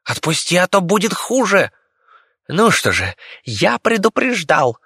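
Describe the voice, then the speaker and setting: A man voicing a boastful male rat companion who squeaks shrilly. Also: big pitch swings, measured pace, bright, forceful tone, slightly rough, no echo, clean studio sound, exaggerated voice. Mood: shrill alarm.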